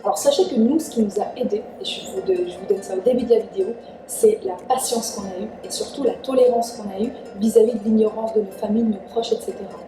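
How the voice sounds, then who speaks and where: A young Iran-born woman vlogs casually, offering relationship advice in an earnest, chatty way and often saying "en fait." Her voice is fairly high and quick, with a noisy background. The room echoes, the mic is distant, and faint music plays.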